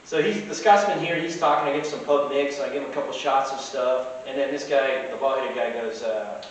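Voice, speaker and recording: Inside his tavern, a middle-aged keeper relates a loose, meandering anecdote, stopping and restarting and using lots of fillers. His mid-range voice moves fairly quickly, and the audio is very echoey and distant with a slight hiss.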